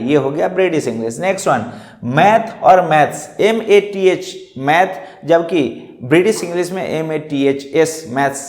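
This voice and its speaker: A man gives a classroom-style lesson in a room that rings with echo. His voice sits a little high for a man, and he spells words out letter by letter, pausing to ask and answer his own questions. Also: a little mellow. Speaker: English teacher. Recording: echoey room.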